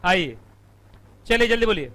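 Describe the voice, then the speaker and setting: A male company law teacher, giving a live classroom lecture. He teases the students, asks them questions and answers them himself, and his throat is strained from shouting. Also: high voice, very animated, normal speed. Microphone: room mic.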